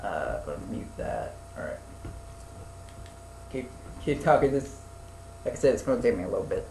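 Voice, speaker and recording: A man's voice: lowish voice, wildly swooping pitch, normal speed, gravelly, a little mellow. Guy in his 20s rambling on a podcast, lots of ums, swears a bit, echoey room. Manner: rambling, loose and profane, with many fillers. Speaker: podcast co-host. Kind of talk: casual chat. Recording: echoey room with faint noise.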